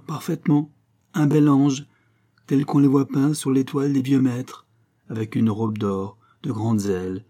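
A man reading a story aloud in a measured, literary way. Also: mid-range voice, mellow. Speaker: narrator.

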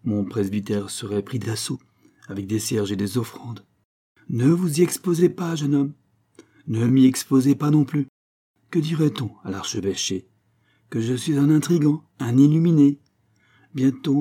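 A man's voice: medium pitch, warm tone, breathy edge, natural voice. A man playing a fretful, fussy male country priest who worries aloud. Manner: worried, fussing.

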